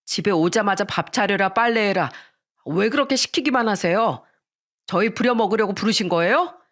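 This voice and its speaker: A woman's voice: medium pitch, expressive, moderate pace, fairly bright tone. A woman voicing a fed-up grown son in a story narration, firm and exasperated.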